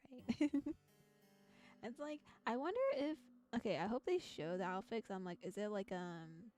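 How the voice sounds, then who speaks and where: Speaking in a fairly low, darkish voice, a woman streams a visual novel read-aloud, narrating the story and breaking off into playful, giggly chatter. Background music plays under this casual live commentary.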